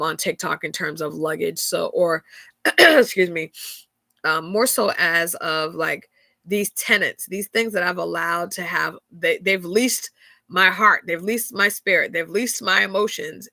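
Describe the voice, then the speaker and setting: A creaky, sharp-toned woman with a lowish voice talks at normal speed on her faith-centered podcast, recorded dry. With a stuffy nose, she keeps things candid and casual, laughing often and leaning on fillers.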